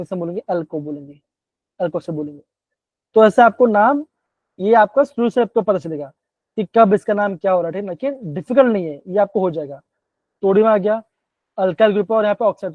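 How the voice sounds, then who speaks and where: A man's voice: high-pitched, fairly quick, no echo. Male chem teacher on an online class, keeps asking kids to answer, words, muffled dull stream, dry sound. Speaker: chemistry teacher.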